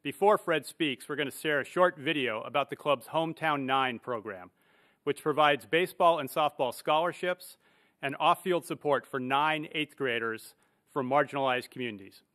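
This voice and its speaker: A middle-aged man opening a news conference at a podium mic, making measured, procedural announcements as moderator. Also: a little high, a bit bright. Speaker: club communications executive, moderator. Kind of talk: formal press-conference opening. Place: press room at a podium.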